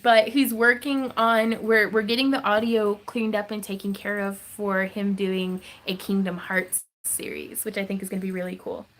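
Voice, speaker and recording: A craft channel host runs a livestream Q&A from her home craft room, chatty and giggly and full of filler words. Her voice is medium in pitch with little movement, and she speaks at a moderate pace with few pauses.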